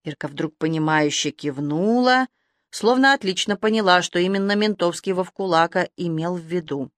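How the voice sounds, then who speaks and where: A woman reading an audiobook as narrator in steady storytelling. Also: fairly low pitch, normal speed, no room sound, clean studio sound. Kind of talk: scripted narration.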